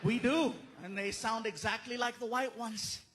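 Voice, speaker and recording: High, bright-voiced male stand-up comic. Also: normal speed, a little hiss or hum. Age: 30s. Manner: animated storytelling, slips into character voices and bits of Spanish. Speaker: stand-up comedian. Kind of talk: stand-up comedy set. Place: theater stage with a laughing audience.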